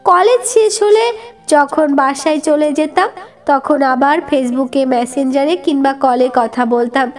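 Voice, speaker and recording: A woman with a high voice reads a first-person story aloud. Her narration is emotive and dramatic. Soft music plays faintly underneath. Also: takes it slowly. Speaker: story reader. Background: faint background music.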